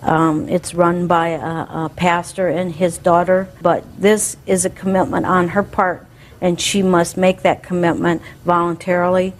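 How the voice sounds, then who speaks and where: Casting: female court litigant, slightly low pitch, halting, earnest delivery, faint noise in the background. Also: little pitch movement. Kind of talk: courtroom testimony.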